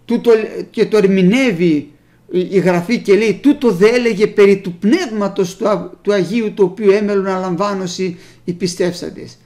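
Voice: medium pitch, dark tone. A preacher giving a sermon, reading old scripture aloud and explaining it plainly to the congregation, whom the preacher calls brothers. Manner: speaks directly to the congregation as brothers.

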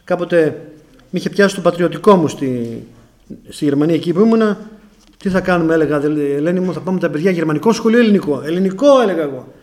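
A man's voice: fairly high pitch, lively intonation, darkish tone. A middle-aged Greek man from Greece preaching a testimony sermon, telling a story and often calling out to the brothers.

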